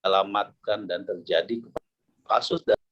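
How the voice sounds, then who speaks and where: A man speaking at a webinar over a phone video call, his audio breaking up and choppy as he talks in a halting way with many fillers. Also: on the low side, steady tone, a bit bright, muffled recording. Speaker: parliament commission leader speaking at a webinar. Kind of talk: formal webinar talk.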